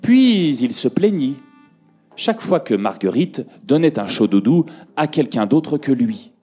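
A man telling a fairy tale to a conference audience, slow and expressive, dropping his voice and lifting it for effect. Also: mid-range voice, breathy edge, soft background music. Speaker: storyteller. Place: conference room.

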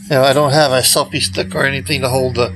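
This is a casual, meandering selfie vlog from a man in his sixties, shot on a phone at arm's length outdoors beside a brick building. Recovering from an illness that almost took his voice, he speaks haltingly, often trails off, and delivers everything flatly at a medium pitch. The background is noisy.

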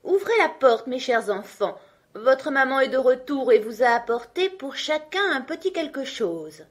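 A woman's voice: sits high, big pitch swings, measured pace, voice pushed up. A woman doing a sly storybook wolf. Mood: coaxing. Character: big bad male wolf, sly and menacing.

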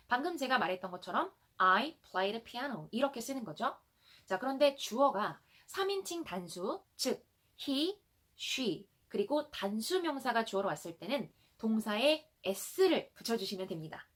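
Lively, bright-voiced woman teaching grammar. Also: fairly high pitch. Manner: clear explanatory teaching with slow drilled example sentences. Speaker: English teacher. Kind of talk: online grammar lesson.

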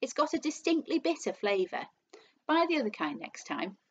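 A woman's voice: high-pitched, big pitch swings, moderate pace, lo-fi sound, slight background noise, pitched above the performer's own voice. A woman reading aloud, voicing a grumpy old man who complains about his food. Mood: complaining.

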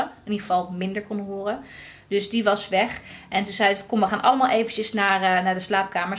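A woman vlogging about a personal experience, telling it lively and acting out what people said. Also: mid-range voice. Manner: lively, recounting with acted-out quotes. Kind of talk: personal storytelling vlog.

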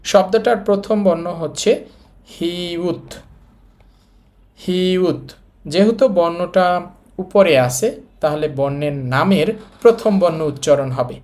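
A man's voice: high voice, slow pace, long pauses, a little mellow. A man with a Bangladeshi Bengali accent teaching a language lesson, walking viewers through each letter patiently and repeating key points as he writes them out. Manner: patient, repetitive, addresses viewers directly. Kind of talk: step-by-step lesson explanation.

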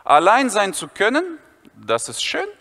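A man playing a brooding boy in a stand-up story, speaking slowly in a low mumble with halting pauses. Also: huge pitch swings, pushed and bright, exaggerated voice. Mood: murky, deadpan.

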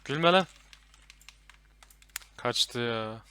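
A young man playing a horror game with a friend, commenting and swearing loudly at the enemies. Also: mid-range voice, expressive, very slow, slight background noise. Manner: loud, swearing, yelling at enemies. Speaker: gaming YouTuber.

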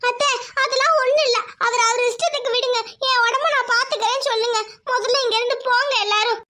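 High, bright cartoon wife, weary, stubborn, refusing help, voiced by a woman. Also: steady tone, fast talker. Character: proud, stubborn sick village wife. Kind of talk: cartoon voice acting.

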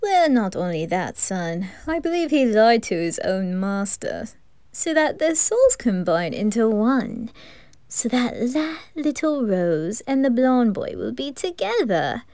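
An eccentric, creepy male undertaker, as a woman puts him on for a fan audio drama. He talks slowly and playfully, breaking into high cackles, with a mellow, dark-toned voice. The sound is close and dry. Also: sing-song, no echo. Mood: sly. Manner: giggly, playful, cackling laughs. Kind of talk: fan ASMR roleplay.

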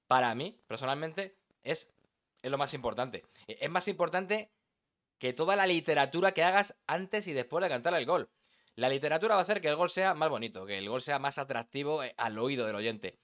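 A man's voice: medium pitch, a bit bright. A man from teaching sports narration, talking emphatically and dramatically, addressing the listener directly. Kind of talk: instructional voice-over lesson.

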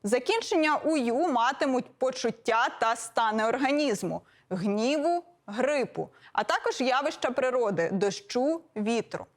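A woman philologist presenting a scripted grammar lesson, listing examples one by one in a measured way. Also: fairly high pitch, animated. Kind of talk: scripted educational explanation.

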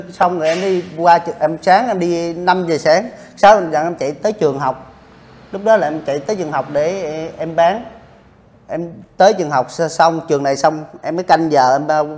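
A man's voice: fairly high pitch, a little mellow. A man being interviewed, earnest and repetitive as he explains his long working days. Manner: earnest, repeats himself while recounting. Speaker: interviewee, street vendor. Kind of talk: casual interview talk.

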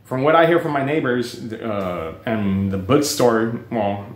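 A man's voice: medium pitch, unhurried, reverberant. A man vlogging casual, rambling commentary on books and the news, full of fillers, restarts and swearing. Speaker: book reviewer vlogger.

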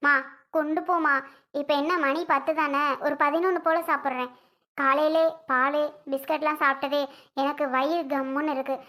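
Woman doing a sulky pregnant young wife in a family skit, high voice, weary and defiant. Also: fairly even intonation, moderate pace, bright, forceful tone.

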